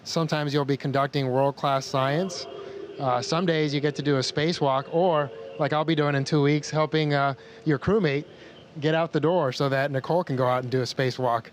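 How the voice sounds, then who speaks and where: A man's voice: a little high, fairly even intonation, brisk. An American man speaking as an astronaut in a formal space-to-ground communication style. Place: inside a space station. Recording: faint noise on space-to-ground link.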